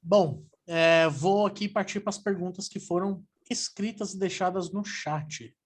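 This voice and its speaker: A woman hosting an online talk, reading audience questions aloud in a brisk, organized way over a video call. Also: fairly low pitch. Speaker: host and moderator. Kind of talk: moderating online Q&A.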